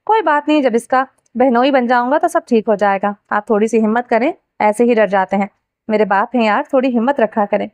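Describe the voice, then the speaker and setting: A woman's voice: a little high, a little mellow, dry recording, muffled recording, lightly acted. A woman reading as a cocky shameless young man. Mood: carefree. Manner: teasing, carefree.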